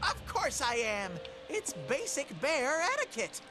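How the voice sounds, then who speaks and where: An affectionate talking bear mascot full of bubbly excitement. The voice is high and swoops wildly up and down. Game music plays behind. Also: male voice, unhurried, heavily acted.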